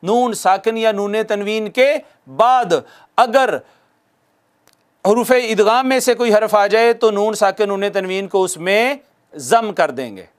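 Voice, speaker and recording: A man teaching the rules of Quran recitation to a class, explaining step by step, posing questions and answering them, and repeating Arabic examples slowly. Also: high voice. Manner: addresses listeners formally. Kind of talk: classroom lesson on tajweed rules.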